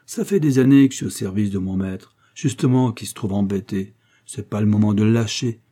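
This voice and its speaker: A man's voice: on the low side, brisk, mellow, slightly rough. A man voicing a cheeky young working-class Parisian, talking in slangy, cocky bursts.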